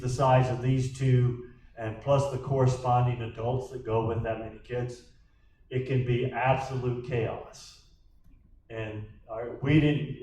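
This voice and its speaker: Slow, emphatic pastor in an echoey room. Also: male voice, medium pitch, a little mellow, far from the mic, slight background noise. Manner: slow, emphatic, acts out quoted lines. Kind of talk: bible study teaching. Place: church room. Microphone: distant backup recording.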